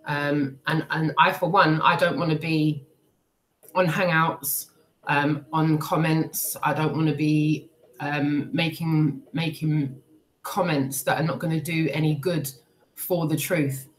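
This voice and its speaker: A woman's voice: low-pitched, little pitch movement, takes it slowly. A woman who sounds sick and bunged up, chatting casually and hesitantly to livestream viewers in an apologetic, rambling way. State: unwell, congested, bunged up with a cold and cough. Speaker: livestream host. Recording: clearly noisy livestream audio.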